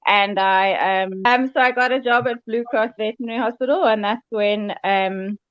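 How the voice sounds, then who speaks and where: A woman veterinarian being interviewed, talking hesitantly with many pauses and ums. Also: fairly high pitch, fairly even intonation, dry recording. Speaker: veterinarian guest. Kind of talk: remote interview. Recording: dull, dry video call audio.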